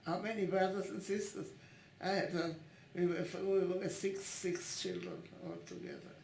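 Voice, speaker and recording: An elderly woman in her nineties with a gravelly, creaky voice, speaking haltingly in an oral history interview. She stumbles through many repeated restarts while she hunts for words. The recording has a roomy echo from her home. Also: on the low side, a little mellow, slight background noise. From born in Italy, raised in Italy and Switzerland. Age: 90s.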